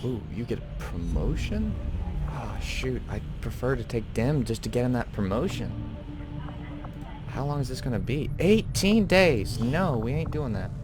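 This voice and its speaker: A man's voice: medium pitch, lively intonation, normal speed. A man hosting a game playthrough with casual commentary, thinking aloud and muttering to himself as he plays. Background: game music.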